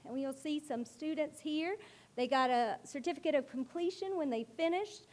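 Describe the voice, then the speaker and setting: A school librarian presents to a board meeting at a moderate pace, her high-pitched voice loud and carrying. She explains her material in an earnest way.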